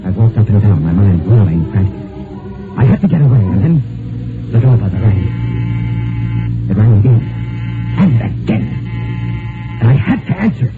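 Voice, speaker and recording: On a tinny vintage radio recording with music behind, a man plays an anxious fugitive posing as a dead man in an old-time mystery drama, narrating in first person and speaking dialogue. His lowish voice is sing-song and unhurried, with long pauses, and the mood is tense and brooding. In dialogue he sounds nervous and stammers.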